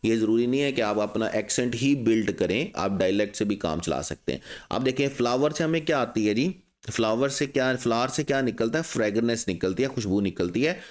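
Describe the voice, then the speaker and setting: Man, English teacher, exam-prep lesson, medium pitch, asks and answers his own questions. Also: lively intonation. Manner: asks rhetorical questions and answers them himself; reads English test sentences slowly and deliberately.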